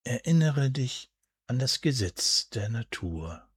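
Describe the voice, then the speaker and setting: A man guiding a sleep hypnosis in a soothing, hushed, deliberate way, with a soft breathy voice and drawn-out pauses. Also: medium pitch, sing-song, dry recording. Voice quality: breathy, soft, at times near a whisper. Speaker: hypnosis and relaxation guide. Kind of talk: guided sleep hypnosis, scripted narration.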